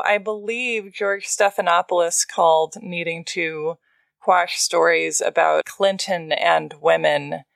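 Female podcast guest, creaky vocal fry, wry casual talker, dry close recording. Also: fairly low pitch, dry recording. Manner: wry, filler-heavy with frequent "like". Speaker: podcast guest, writer and media critic. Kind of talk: casual, humorous conversation.

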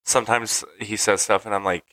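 Bright-voiced casual podcast host, man. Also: fairly low pitch, fairly even intonation, fairly quick, no room sound, rough recording. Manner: loose, playful, swears often. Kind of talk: casual chat.

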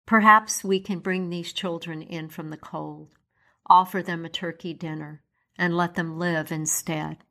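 A woman's voice: on the low side, steady tone, unhurried, creaky, bright, forceful tone. A woman storyteller reading a classic tale aloud and then sharing her own earnest reflection.

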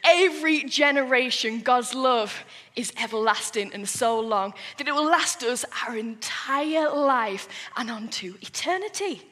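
A woman giving a lively, playful sermon to children in church. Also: a little high, a little slow, in a large hall. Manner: lively, animated, playful with the kids.

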